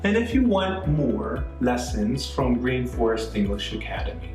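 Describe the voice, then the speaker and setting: Casting note: middle-aged man from Canada, English teacher, slow and animated delivery, echoey room, mic set back. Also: mid-range voice. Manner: patient, repeats points, frequent "okay?" and "right?" checks. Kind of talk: classroom-style grammar lesson. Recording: echoey room, mic at a distance, faint music.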